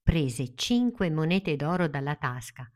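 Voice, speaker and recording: A woman narrating a children's fairy tale in a slow, gentle storytelling manner. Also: sits low, very animated.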